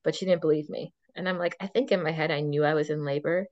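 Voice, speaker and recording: A woman's voice: deep voice, steady tone, fast, darkish tone, no echo. A woman in her thirties, a podcast guest, chatting casually and telling a long story full of fillers and quoted dialogue. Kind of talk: casual chat. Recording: dull dry lo-fi sound.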